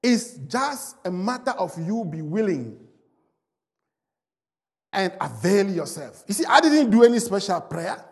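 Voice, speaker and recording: Emphatic preacher, high voice in a big hall. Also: male voice, very animated, measured pace, long pauses. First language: French. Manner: emphatic, rising and falling delivery. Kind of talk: sermon with testimony. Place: large church hall.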